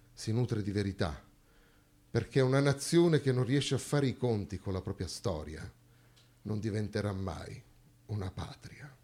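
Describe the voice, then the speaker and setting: Performing a theatre monologue, a man on stage declaims dramatically and emphatically, using rhetorical repetition. His voice is lowish and a little mellow.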